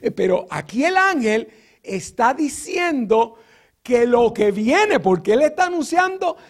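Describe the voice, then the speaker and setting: Man, preacher, sermon, slow delivery, gravelly voice, rhetorical questions. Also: very high-pitched, very animated. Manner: teaching Bible verses with rhetorical questions; frequent filler sounds and restarts.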